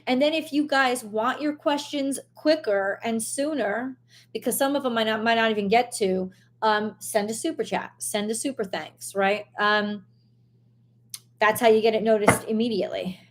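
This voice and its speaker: A hoarse woman hosts a live tarot stream, venting casually and bluntly, swearing and losing her train of thought. Her voice is a little high, at normal speed.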